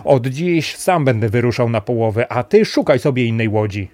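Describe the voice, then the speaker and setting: A man's voice: mid-range voice, animated, measured pace, a little mellow, no echo, soft background music. A man voicing a greedy, menacing rich boat owner who scolds harshly. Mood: angry, scolding.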